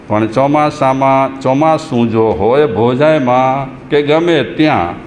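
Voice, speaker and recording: A man's voice: medium pitch, slow, darkish tone. A man, a Jain monk, giving a sermon in a conversational, humorous way and chanting verses in between. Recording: echoey hall with faint noise.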